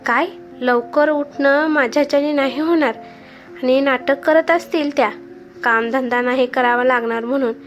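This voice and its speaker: A woman's voice: high-pitched, fairly even intonation, normal speed, soft background music, lightly acted. A woman voicing a scornful, discontented young wife in a spoken storybook, with a complaining, defiant manner.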